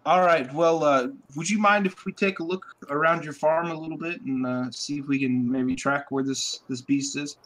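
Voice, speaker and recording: A man playing a tabletop game, speaking casually and haltingly in character. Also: a little high, fairly even intonation, a bit bright. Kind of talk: casual in-character role-play.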